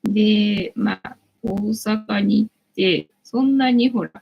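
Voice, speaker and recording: Husky, gravelly middle-aged woman chatting. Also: medium pitch, takes it slowly, lo-fi sound. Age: late 40s. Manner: rambling, chatty, frequent fillers. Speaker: livestream host. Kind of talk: casual livestream chat. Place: at home.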